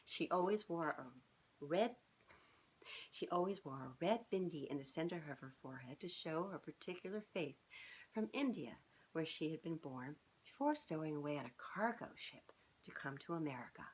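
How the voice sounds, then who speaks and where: A low, slightly rough female voice at normal speed, captured in a rough recording. The speaker, a woman in her fifties, reads a children's storybook expressively and informally, breaking off now and then for chatty comments to young listeners. She's on a living room sofa indoors, filmed by a camera a short distance away.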